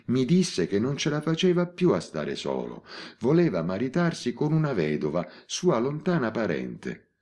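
A man's voice: medium pitch, wildly swooping pitch, normal speed, darkish tone, pitched above the performer's own voice. A man voicing a composed old spinster. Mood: recounting. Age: 80s. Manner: composed, matter-of-fact confession. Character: elderly spinster woman, calm and unrepentant. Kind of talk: audiobook character reading.

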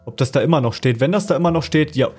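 A man hosting a screen-recorded software tutorial, explaining casually with fillers and speaking straight to his viewers. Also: a little high, very fast, slightly rough, soft background music. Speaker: tutorial host.

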